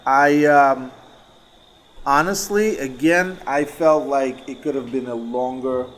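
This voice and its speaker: A man's voice: medium pitch, takes it slowly, fairly bright tone, poor audio. Rambling man in casual chat. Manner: rambling, self-correcting storyteller. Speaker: dancer and co-host.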